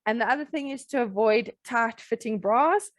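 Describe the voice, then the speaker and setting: High, dry-voiced woman teaching a webinar. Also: moderate pace, dry recording. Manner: friendly, practical, checks in with "all right?" and "okay?". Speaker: breastfeeding educator. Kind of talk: webinar presentation.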